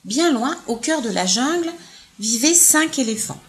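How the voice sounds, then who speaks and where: A woman reads a storybook aloud, slowly and playfully. Her fairly high voice swings up and down with every line, drawing young listeners along. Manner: slow, lively storyteller with big pitch swings.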